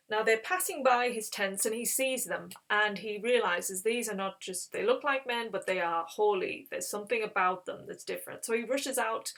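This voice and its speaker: A woman's voice: mid-range voice, fairly bright tone. A woman casually retelling Bible chapters in her own words, chatty and full of fillers. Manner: chatty, many fillers like you know. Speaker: Bible reader and narrator.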